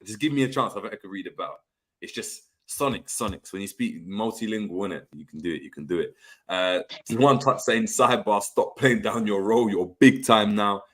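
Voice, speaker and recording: Reading viewer comments on his casual football show, a young male podcast host talks briskly in a low-side voice with a fairly bright tone. His style is relaxed and full of slang, and he tends to stumble and say words twice.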